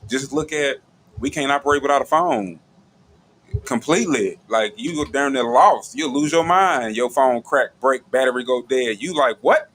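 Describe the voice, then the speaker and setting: A man's voice: mid-range voice, expressive, moderate pace, fairly bright tone, slight background noise, low-quality recording. A man hosting a casual radio talk show, laid-back and conversational, who often checks in with his listener. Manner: laid-back, conversational, often says "you feel what I'm saying". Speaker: show host. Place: radio studio.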